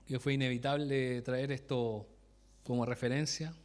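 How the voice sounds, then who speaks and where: A man's voice: medium pitch, fairly even intonation, normal speed, darkish tone. A man giving a conversational sermon, often breaking off mid-sentence, asking his listeners direct questions and laughing at his own stories. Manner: asks the congregation direct questions. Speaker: preacher.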